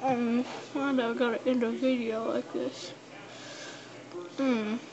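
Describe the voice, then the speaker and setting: A young woman speaking through a costume head, showing off her homemade fursuit in a halting, casual vlog full of restarts and fillers. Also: on the high side, little pitch movement, lo-fi sound. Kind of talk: casual show-and-tell vlog. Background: televised baseball game crowd noise.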